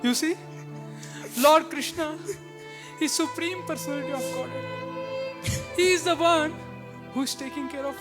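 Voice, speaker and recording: A woman playing a poor, devout husband who consoles his wife softly and preaches trust in God, in an amateur devotional stage drama. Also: high voice. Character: poor devout middle-aged man, gentle and trusting. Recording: sad violin music underneath.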